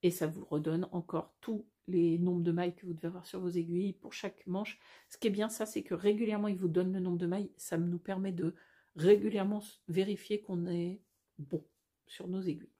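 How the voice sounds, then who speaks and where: A woman's voice: fairly low pitch, fairly even intonation, brisk, warm tone. A woman hosting a casual step-by-step knitting tutorial, chatty and thinking aloud as she corrects herself.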